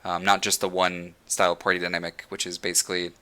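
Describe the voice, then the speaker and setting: A man's voice: sits low, completely flat delivery, fast, pushed and bright, clean tone. A man hosting a casual gaming discussion, rambling with many fillers and restarts, saying he is losing his voice. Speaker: podcast host.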